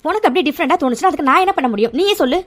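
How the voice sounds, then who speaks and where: A woman's voice: high voice, lively intonation, rapid-fire. Woman voicing Aara, anxious young woman. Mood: defensive. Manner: pleading, anxious, repeats words. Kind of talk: cartoon voice acting.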